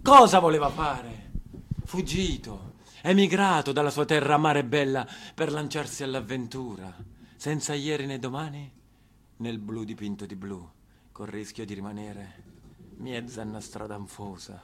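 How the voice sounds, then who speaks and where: In a mid-range, slightly bright voice at normal speed, an Apulian monologist with a southern Italian accent delivers a theatrical piece on stage. There's a little hiss or hum in the recording. His manner is emphatic and histrionic, with words repeated for effect.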